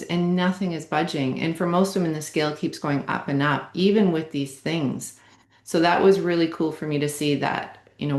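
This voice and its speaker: A woman's voice: fairly low pitch, roomy sound. A woman coach interviewing a client, speaking in an encouraging, affirming way. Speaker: wellness coach and program host. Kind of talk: casual interview.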